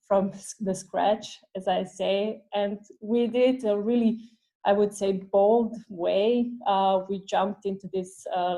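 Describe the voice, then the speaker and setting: Mellow, level-voiced woman. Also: fairly low pitch, creaky, rough recording. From Bosnia and Herzegovina. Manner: halting, searching for words and restarting phrases. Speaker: guest, business development leader. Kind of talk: casual interview conversation.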